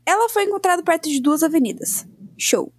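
With an extremely high, animated voice and a darkish tone, a Brazilian woman hosts a podcast at a fairly quick clip. Scripted true-crime narration is broken up by casual, self-deprecating asides. The recording is dry and of studio quality.

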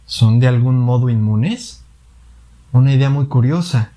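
A man voicing a calm, menacing male psychoanalyst who taunts his enemy with measured sarcasm. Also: mid-range voice, close to an everyday voice. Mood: taunting.

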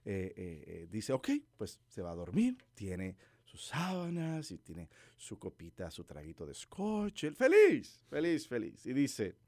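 A man's voice: lowish voice, a little slow, no room sound, studio quality. A man preaching a conversational sermon, telling stories and putting questions to his listeners. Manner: animated storytelling preacher, asks listeners questions.

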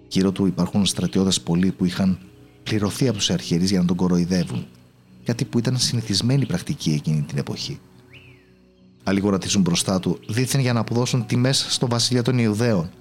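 Solemn, low-voiced male storyteller. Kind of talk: scripted storybook narration.

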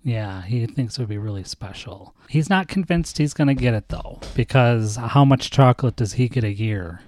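American dad host, gently quizzing his kid, relaxed tone, dry close recording. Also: medium pitch, moderate pace, no room sound. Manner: patient, teacherly, asks leading questions. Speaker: podcast host and father. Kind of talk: casual chat with his child.

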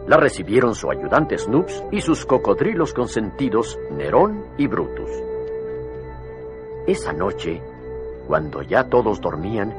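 A man reading scripted story narration as the narrator of a children's tale. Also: fairly low pitch. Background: music.

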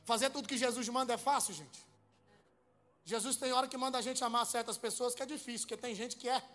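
High-voiced preacher telling funny stories. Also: male voice, fast talker, faint music behind. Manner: comic, lively storytelling that rises into loud exhortation. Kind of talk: humorous sermon storytelling.

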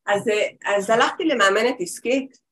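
A woman's voice: on the high side, a bit bright, slight background noise. Brief: woman in her forties, guest healer, chatty rambling talk over a video call.

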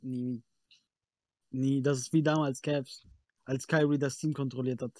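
A man's voice: medium pitch, flat delivery, measured pace, mellow, dry recording, clean studio sound. A young man, chatting casually and insistently in slang, often repeating himself for emphasis. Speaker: podcast panelist. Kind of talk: casual chat, slangy sports debate.

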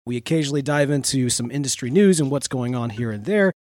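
A man's voice: mid-range voice, animated, quick pace, darkish tone, no echo, studio quality. A man hosting a podcast in a casual, chatty way, with a wry, self-deprecating manner. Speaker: podcast host.

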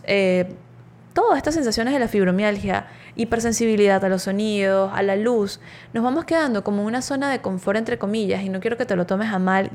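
Expressive woman storyteller. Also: medium pitch. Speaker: wellness speaker. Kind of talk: personal storytelling talk to listeners.

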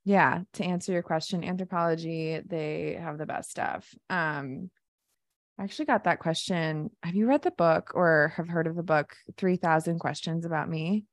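Woman, casual podcast chat, eager, lowish voice, dry close sound. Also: normal speed, no echo. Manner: enthusiastic, warm chatty storytelling with fillers. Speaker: podcast co-host.

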